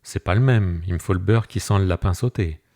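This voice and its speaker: Casting: joking, blustering rural sergeant, swearing and teasing, played by a man with a deep voice. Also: fairly quick, warm tone.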